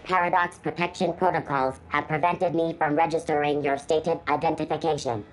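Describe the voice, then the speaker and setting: A woman's voice: low-pitched, fairly even intonation, brisk, soft background music, lightly acted, rough recording. A woman voicing a malfunctioning security robot in a video game, stuttering and breaking off mid-word as it glitches. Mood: glitching.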